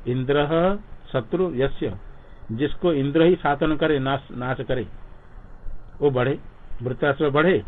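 A man teaching a class in an ashram on Sanskrit grammar and pronunciation. He explains slowly, drills words by repeating them and puts questions to his listeners. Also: mid-range voice. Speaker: swami teaching Sanskrit scripture. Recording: tinny phone-like lo-fi recording.

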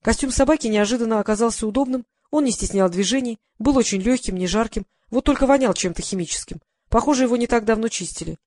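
An audiobook narrator reading a comic first-person story in a wry, brisk way. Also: medium pitch, darkish tone, no room sound, studio quality.

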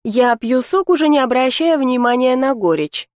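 A woman's voice: high voice, expressive, moderate pace, darkish tone, no room sound, studio quality. Woman reading an audiobook. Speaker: audiobook narrator. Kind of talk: first-person audiobook narration.

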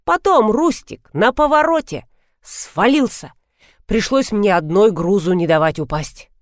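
A bold, quick-witted middle-aged woman talks her way out of trouble with brisk cheek, as a woman puts her on. Her pitch moves a lot, and the sound is dry and close. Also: expressive, no echo, close to an everyday voice. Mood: spinning a tale.

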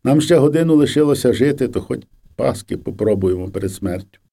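A man reading the part of a starving old male prisoner, weary and gentle. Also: medium pitch, lively intonation, brisk, gravelly. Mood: resigned.

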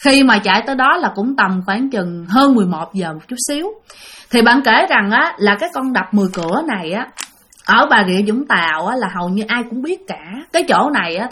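A woman hosting a channel and telling a ghost story aloud, speaking chattily to her listeners with dramatic pauses. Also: on the high side, a bit bright. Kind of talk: spoken ghost story narration.

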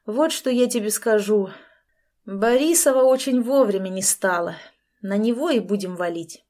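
A woman reading an audiobook, voicing a smug, menacing middle-aged male crook who mocks and threatens in a loud, casual way. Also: mid-range voice, normal speed, natural voice. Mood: gloating menace. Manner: mocking, gloating, casually threatening.

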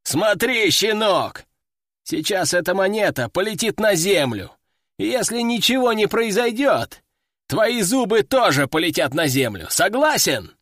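A man's voice: high voice, sing-song, a little slow, a bit bright, no echo, studio quality, pitched above the performer's own voice, exaggerated voice. A man voicing a sneering brutal squad commander. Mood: threatening. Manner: sneering, menacing. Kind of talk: audiobook character voice.

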